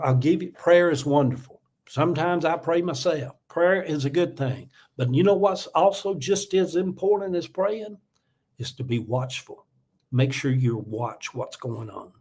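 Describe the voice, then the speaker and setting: In a casual political livestream, a man in his seventies reads out viewer comments and gives earnest warnings, repeating himself and filling his speech with lots of ums and uhs. His voice is a little high, darkish in tone, and slightly rough.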